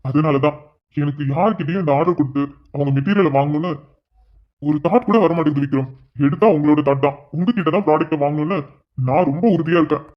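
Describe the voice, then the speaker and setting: A smooth, flattering businessman in a cartoon , acted by a man. He rattles off praise at a quick clip in a slightly high voice. The recording sounds dull and lo-fi. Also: lightly acted. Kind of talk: cartoon voice acting.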